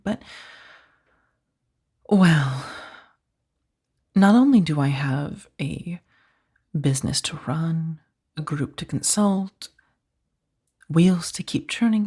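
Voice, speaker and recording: Fully in character, a woman voices a condescending, powerful mafia boss for a soft-spoken ASMR roleplay, her mood cool and menacing. Her deep voice is breathy and husky and slips toward whispers as she taunts with mock sweetness, unhurried and leaving long pauses.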